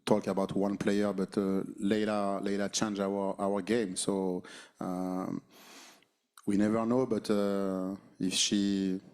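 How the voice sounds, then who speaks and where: A male basketball coach with a French accent and French as his first language, answering at a postgame press conference in halting English, full of fillers and restarts. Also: fairly low pitch, level tone, a little mellow, clean tone.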